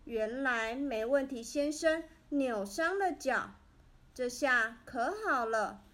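Lady reading a kids story, high voice, takes it slow. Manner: gentle, expressive storytelling. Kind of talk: children's story narration.

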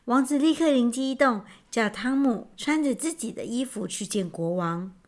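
Woman reading a kids story, kinda high voice, lively and expressive. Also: normal speed. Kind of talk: children's story narration.

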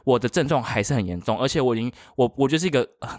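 A man's voice: medium pitch, very fast, no echo, studio quality. A man co-hosting a casual podcast, telling a story and acting out the people he quotes. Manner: animated storyteller who acts out quoted people. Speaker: podcast co-host. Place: in the United States.

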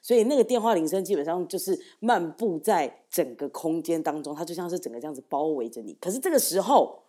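Fast, animated woman storyteller. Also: fairly low pitch. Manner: animated storyteller, builds suspense. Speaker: guest, theatre director. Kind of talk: casual ghost-story telling.

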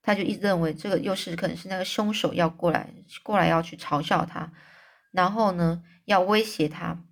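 A woman's voice: fairly low pitch, fairly even intonation, fairly quick, creaky. A woman reading a novel aloud as a storyteller, stopping often to explain difficult words in plain terms.

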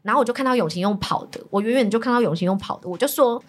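Fast-talking Taiwanese woman telling a story. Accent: Taiwanese Mandarin. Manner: acts out dialogue, jumping high when quoting herself. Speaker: podcast guest. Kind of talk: animated storytelling.

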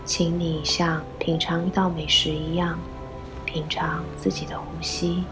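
A woman leading a guided meditation, gently giving instructions in a soft, breathy voice with pauses. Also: on the low side, little pitch movement. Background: background music.

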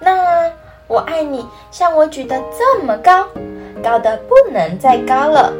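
An eager little rabbit child played by a woman, speaking high and full of love. The delivery is childlike and exaggerated, in the way of a picture book read to a toddler. Music plays behind. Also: animated, unhurried. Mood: eager, loving.

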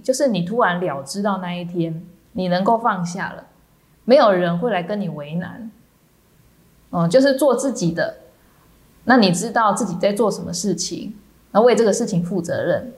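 A Buddhist nun with a Taiwanese Mandarin accent gives a dharma talk at a measured pace, using many soft fillers. Her voice is mid-range.

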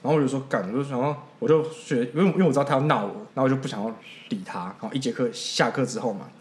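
A man's voice: medium pitch, racing, echoey room, a little hiss or hum. A man hosting a casual podcast chat, telling rambling anecdotes and laughing at his own stories. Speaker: podcast host.

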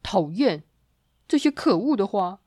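A woman voicing a rude, bad-tempered grown man who barks and shouts, in a children's storybook. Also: a little high, a little slow, dry recording, clean studio sound, natural voice. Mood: angry.

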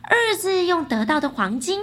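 A woman narrating a children's bedtime fairy tale in a lively, expressive way. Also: high voice, fairly quick. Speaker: storyteller.

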